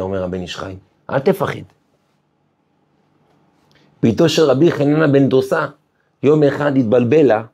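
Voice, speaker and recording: A rabbi's mellow, husky voice sits in the middle range as he gives an emphatic Torah lesson at his weekly class. Mixing storytelling with rhetorical questions to the audience, he preaches up to fervent high points.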